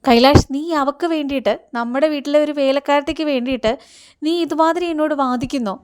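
A woman's voice: high-pitched, fast, natural voice. A woman voicing a proud, status-minded middle-aged mother who scolds her son in a retold serial scene. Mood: scolding.

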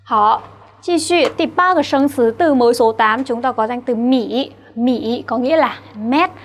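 A woman's voice: fairly high pitch, unhurried. A young woman with a Vietnamese accent teaching a vocabulary lesson and asking students to check along. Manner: patient, asks rhetorical checks to students. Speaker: Chinese teacher.

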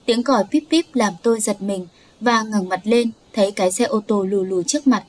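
A woman's voice: medium pitch, moderate pace, a little mellow. A woman storyteller narrating a sorrowful first-person story in a confessional way.

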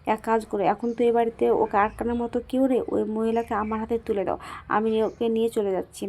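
A stern middle-aged holy woman speaking with brisk urgency and issuing orders, as a woman narrator reads her lines. The voice sits fairly high with little rise and fall, like a TV serial retold aloud. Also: level tone, a little mellow. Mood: urgent.

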